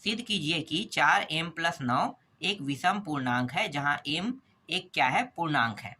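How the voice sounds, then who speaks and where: A man teaching maths and walking through exam problems step by step. He keeps posing quick questions and answering them himself, checking in with a repeated "okay?". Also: fairly high pitch, animated, sharp tone, slightly rough.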